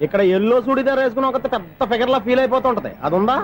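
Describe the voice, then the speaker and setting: An actor playing an eager young man pitching a film story in a comedy scene. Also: lively intonation, very fast, slight background noise. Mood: grumbling. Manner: eager, pleading.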